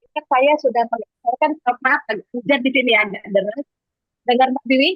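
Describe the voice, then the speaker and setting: A woman's voice: high voice, fast talker, dry recording. A woman in an online training session asking a question over a video call whose audio keeps breaking up; she is talkative and repeats herself with tag questions. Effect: choppy video-call audio breaking up. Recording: dull lo-fi dry call audio.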